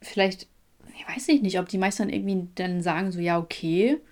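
A young woman chatting casually on a podcast, telling an animated story in colloquial slang and acting out the other people's lines. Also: mid-range voice, fast. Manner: animated storyteller, acts out quoted dialogue. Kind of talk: casual chat.

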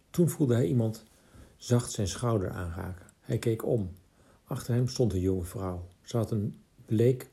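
Gravelly, dark-toned male narrator. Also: on the low side. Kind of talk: literary audiobook reading.

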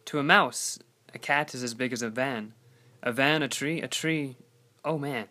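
Here he reads at normal speed in a mid-range voice, pushed and bright yet near his everyday sound. He's still a man faking a British accent as a mock-formal, overly polite guest poet reciting on a casual podcast.

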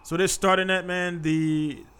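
A man's voice: high voice, level tone, a little slow, fairly bright tone, smooth. A man in his thirties hosting a casual podcast chat, laid-back and peppering his talk with "man". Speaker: podcast host.

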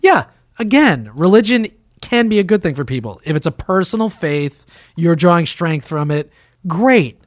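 Man from New Jersey, podcast host, fairly high pitch, dry close sound, chatty and animated. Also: normal speed, no echo. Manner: animated, swearing, frequent "like" and "you know". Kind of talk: casual podcast discussion.

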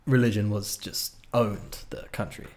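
Young guy co-host, relaxed joking podcast chat. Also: on the low side, unhurried. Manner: easygoing, joking, frequent "yeah".

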